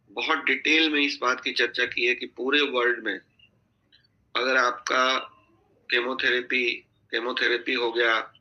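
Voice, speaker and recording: A man's voice: medium pitch, pushed and bright, muffled recording. A man coaching a sales team on a video call, giving instructive advice and often checking that listeners follow. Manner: instructive, repeatedly checking in with "theek hai?".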